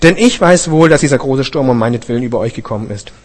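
A man's voice: medium pitch, animated, fast talker, in a large hall, natural voice. A man doing a bitter, weary prophet. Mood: earnest.

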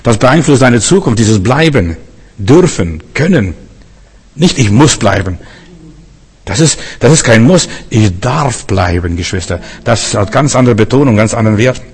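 A man's voice: medium pitch, animated, moderate pace, darkish tone, husky, big-room sound. A man preaching a fervent sermon, repeating phrases and asking the listener rhetorical questions.

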